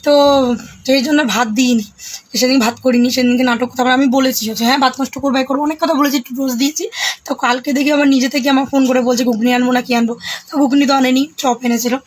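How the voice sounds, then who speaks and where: A woman's voice: high-pitched, level tone, quick pace. A young woman chatting to her viewers at home, rambling through everyday family stories with lots of fillers. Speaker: family vlogger. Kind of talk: casual chat to viewers.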